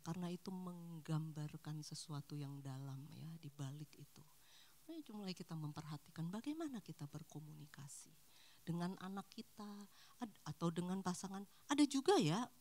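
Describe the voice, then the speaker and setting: A middle-aged woman counselor talking casually to a church couples' group, acting out short everyday dialogues as she goes. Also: medium pitch. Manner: animated, acts out little dialogues. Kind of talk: casual talk.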